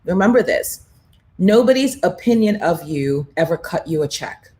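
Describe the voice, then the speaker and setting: A woman's voice: fairly low pitch, animated, normal speed, darkish tone. A woman hosting a morning show, giving an emphatic motivational talk with faith references. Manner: emphatic, preachy, with faith references and quoted inner voices. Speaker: morning show host, brand coach. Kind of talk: motivational live-stream talk.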